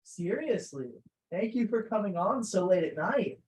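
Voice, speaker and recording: A man's voice: high-pitched, expressive, normal speed, a little mellow, poor audio. A man playing in a livestreamed tabletop game, chatting casually and tentatively with many hedges. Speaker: player. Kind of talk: casual chat during a tabletop game stream.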